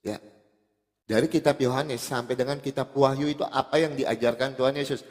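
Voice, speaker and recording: A man answering in a debate with a measured, emphatic preaching delivery, reciting quoted passages aloud. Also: mid-range voice, steady tone. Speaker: debate respondent. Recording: echoey, reverberant room.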